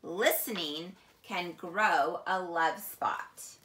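Her storytelling slow and full of expression, a middle-aged female teacher reads a picture book for children from a couch in a small indoor room. The slightly low, crisp, bright voice sounds roomy and echoey, recorded by a camera a few feet off.

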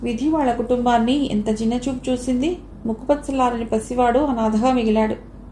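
A woman narrating an audio novel in calm, steady scripted storytelling. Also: fairly high pitch, brisk. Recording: roomy echo, faint background hiss.

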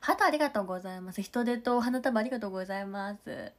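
A woman's voice: medium pitch, fast. Chatty young woman hosting a livestream. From Nagano, Japan. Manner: chatty, thanks viewers for comments between stories. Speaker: idol livestream host. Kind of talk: casual livestream chat.

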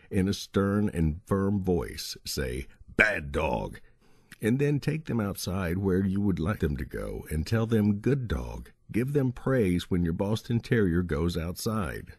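Male audiobook narrator, deep and mellow, lively intonation, reads instructions steadily. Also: breathy edge, dry recording, studio quality. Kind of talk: scripted narration of a dog-training book.

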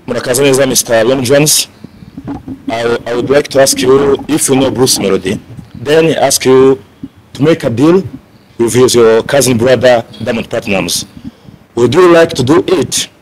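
A man's voice: medium pitch, normal speed, a little mellow, slight background noise, rough recording. A journalist man asking playful, politely formal questions at a press event.

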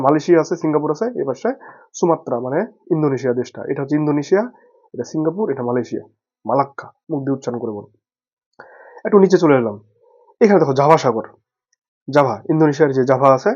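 Man, teacher, rapid map lesson, asks and answers his own questions, dull lo-fi sound. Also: fairly high pitch, darkish tone. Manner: asks the listener questions and answers them himself; has the listener say names aloud. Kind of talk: exam-prep geography lesson over a map. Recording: dull lo-fi recording.

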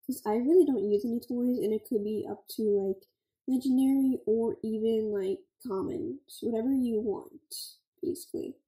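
A woman's voice: on the high side, moderate pace, dark tone, echoey room, rough recording. A young woman, giving chatty, scattered gameplay commentary full of "like" and "okay" as a gaming channel host.

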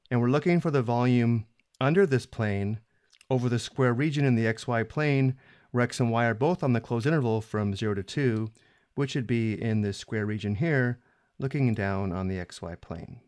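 A man explaining a math problem step by step in a screencast lesson, steady and methodical. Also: medium pitch, normal speed, no echo. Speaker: math instructor.

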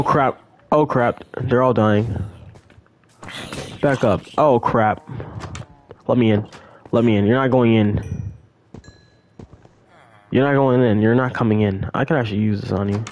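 A young man giving casual, rambling commentary on his survival game, often repeating excited exclamations. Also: fairly low pitch, slight background noise. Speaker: gaming channel host.

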